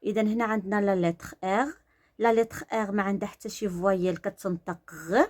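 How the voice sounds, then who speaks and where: This is a woman teaching French reading to beginners, with a Moroccan Arabic accent. Her voice sits in an ordinary middle pitch. She lays out each rule in Darija, then drills single syllables one by one, dragging some of them out very slowly. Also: steady tone, a little mellow. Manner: slow, deliberate syllable-by-syllable sounding out.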